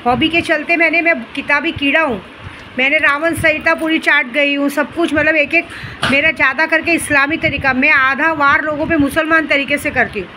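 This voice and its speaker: A woman in her thirties talks straight to camera as a ritual practitioner, her voice pitched high. She speaks in a stern, warning tone and lectures her listeners. A faint hiss runs under the recording. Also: steady tone, normal speed, bright, forceful tone, low-quality recording. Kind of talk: direct-to-camera monologue.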